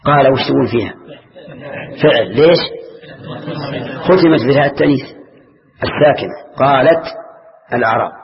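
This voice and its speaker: A man's voice: medium pitch, expressive, normal speed, gravelly, pauses often. An older man teaching a grammar lesson, patiently questioning his students and repeating key words. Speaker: Islamic scholar teaching grammar. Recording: dull lo-fi lecture recording.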